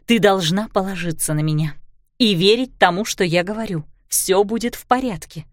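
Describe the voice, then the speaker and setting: A woman voicing a stepmother who coaxes and firmly calms a frightened girl. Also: mid-range voice, moderate pace, dry recording, clean studio sound, close to an everyday voice. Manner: coaxing, then commanding. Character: firm, soothing young stepmother.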